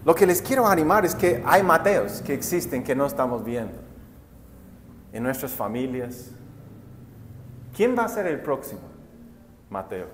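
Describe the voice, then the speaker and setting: A man's voice: mid-range voice, sing-song, a little slow, long pauses, a little hiss or hum. A male pastor preaching a sermon, telling a story and often asking the congregation rhetorical questions. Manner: addresses listeners as brothers and sisters.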